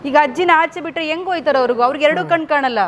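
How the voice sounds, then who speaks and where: A woman's voice: high voice, racing, fairly bright tone. A woman who works as an ashram caretaker, earnestly explaining the residents' situation to an interviewer. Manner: earnest, explaining, repeatedly soothing. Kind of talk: interview answers.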